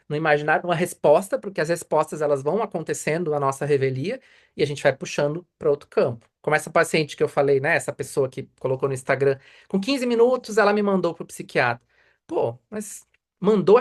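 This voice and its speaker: A man with a Brazilian Portuguese accent, a psychoanalyst teaching a study group in a live online lecture. He speaks conversationally, tags nearly every point with "né?", and asks and answers his own questions. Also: on the high side.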